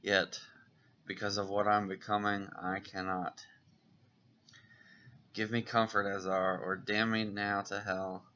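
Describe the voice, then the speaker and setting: A man reading aloud as a frightened young heroine struggling with her inner darkness, in a slow, earnest and intense way, on a dull lo-fi recording. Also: fairly low pitch, little pitch movement, sharp tone, slight background noise. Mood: pleading. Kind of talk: reading comic dialogue aloud.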